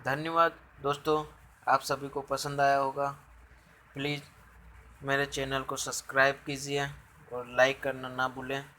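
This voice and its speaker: A man teaching a grammar lesson, explaining slowly, asking rhetorical questions and sounding out examples. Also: mid-range voice, completely flat delivery, pushed and bright, a little hiss or hum, poor audio.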